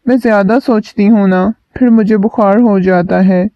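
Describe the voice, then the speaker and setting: A man reading the lines of a shy, feverish young wife in a soft, pleading tone, on a dull lo-fi recording. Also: high-pitched, steady tone, no room sound.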